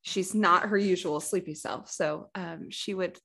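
A woman's voice: on the low side, measured pace, creaky, a bit bright. A woman chatting casually as a player in a tabletop role-playing game.

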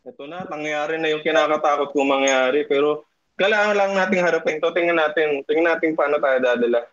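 A man from the Philippines, a host, telling a personal story in casual chat, animated and swearing as he acts out what people said. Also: a little high, fast, lo-fi sound, a crowd in the background.

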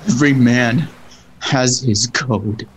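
A man playing a tough, stoic gunman in an audio drama, terse and deadpan. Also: mid-range voice, takes it slowly, slight background noise, natural voice, rough recording. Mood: grim, dry.

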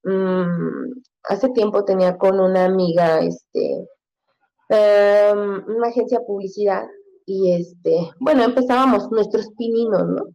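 A woman in her thirties talks as a podcast guest in an easy, rambling way, full of fillers and quoted asides. Her voice is mellow and warm. The recording sounds dull and lo-fi. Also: mid-range voice, a little slow, creaky. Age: 30s. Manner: chatty, many fillers, acts out quotes in a raised voice. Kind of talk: casual conversation.

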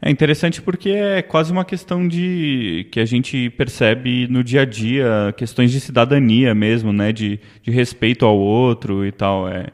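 A man's voice: mid-range voice, a little slow, hardly any pauses, darkish tone. A man with a Brazilian accent co-hosting a podcast, talking in a conversational way and often ending his phrases with a tag question. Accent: Brazilian Portuguese. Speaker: podcast co-host. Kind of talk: casual discussion. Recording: long reverb.

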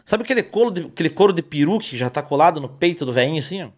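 A man with a high, bright-sounding voice tells funny stories in a relaxed interview. He talks in animated bursts, full of energy. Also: very fast. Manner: animated storytelling, lively. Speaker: comedian guest. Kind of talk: casual interview chat.

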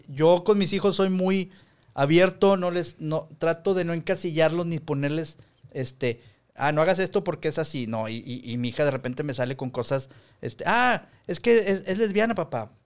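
Clear-voiced Mexican man, laid-back storyteller. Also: fairly high pitch. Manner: relaxed storytelling with slang and swearing. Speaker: podcast co-host. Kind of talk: casual chat.

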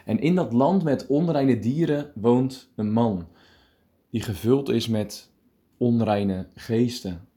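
Mellow-voiced man giving a sermon. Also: medium pitch. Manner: calm, deliberate Bible reading and explaining. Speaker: preacher. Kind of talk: radio meditation sermon.

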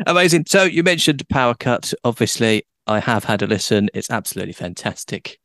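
A man hosts a relaxed interview podcast with bright enthusiasm. His pitch moves a lot as he reacts and praises his guest. The sound is dry and close. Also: dry recording. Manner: enthusiastic, laughs along, quick praise. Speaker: podcast host. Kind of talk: casual interview chat.

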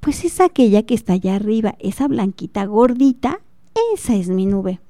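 A woman voicing a sweet, stubborn young girl who is selling a cloud, speaking high and innocent. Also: moderate pace, mellow, dry recording, studio quality, lightly acted. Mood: childlike.

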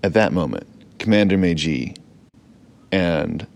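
A man's voice: low voice, expressive, measured pace, creaky, a little mellow, slight background noise. A man narrating an improvised audio adventure as a captain, playful with rambling asides.

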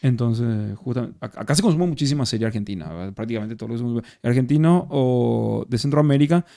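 A man with a Paraguayan Spanish accent, an actor appearing as a guest, chats casually over beers in a bar or café for an interview. He is reflective, restarts often, and uses many tag questions. His medium-pitched, warm voice moves fast with vocal fry, recorded cleanly in studio quality with no echo.

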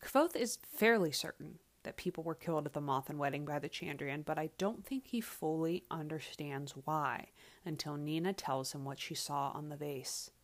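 A woman presents a solo podcast in a slightly low voice. Her delivery is measured and deliberate, with pauses for effect. The recording has an echo, as if made away from a proper studio setup. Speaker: podcast host. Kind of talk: podcast monologue, book commentary. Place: away from usual podcast setup, echoey room. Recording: echoey makeshift recording space.

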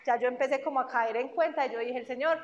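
High-voiced woman in a hall. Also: fast talker. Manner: emphatic, repeats phrases, acts out dialogue. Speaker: faith testimony speaker. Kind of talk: personal religious testimony. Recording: dull recording with long hall reverb.

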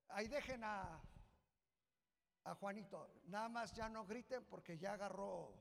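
A man preaching a sermon, who keeps calling the congregation "brother" and swings from loud shouts to low asides. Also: creaky. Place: church hall. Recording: long reverb of a church hall.

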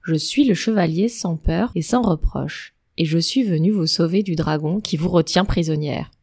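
A woman's voice: on the low side, normal speed, darkish tone, breathy edge. A woman voicing a pompous young male knight who protests emphatically and stammers when thrown. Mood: flustered insistent.

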